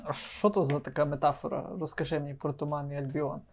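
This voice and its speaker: A man's voice: on the high side, flat delivery, quick pace, slight background noise. A man co-hosting a podcast, playful and rambling, often stumbling and restarting his words. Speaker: podcast co-host. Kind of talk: casual joking chat.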